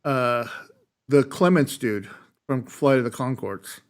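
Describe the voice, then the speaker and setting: A man co-hosting a podcast, telling stories in casual chat with frequent fillers and restarts. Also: mid-range voice. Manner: storytelling, halting with fillers. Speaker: podcast co-host.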